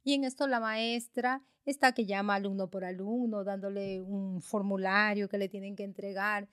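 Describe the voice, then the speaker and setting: A woman's voice: mid-range voice, moderate pace, clear, resonant tone, no echo. Lady preaching with a story, lots of um and este, mid voice, dry close sound. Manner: animated, with frequent fillers. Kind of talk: storytelling sermon.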